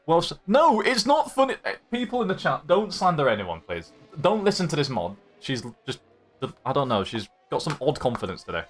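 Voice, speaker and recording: A man's voice: fairly high pitch, huge pitch swings, brisk. A young man hosting a live-streamed racing league, commenting on strategy and teasing his chat in a jokey, chatty way.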